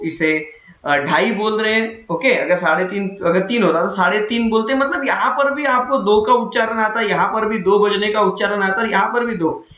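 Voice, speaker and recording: A man with a high voice teaches a math lesson, patiently going over each point again and stopping to quiz his students. The sound is roomy and echoey, and the recording is dull and lo-fi. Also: a bit bright. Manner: patient, repeats points and quizzes the listener. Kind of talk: explaining a classroom lesson.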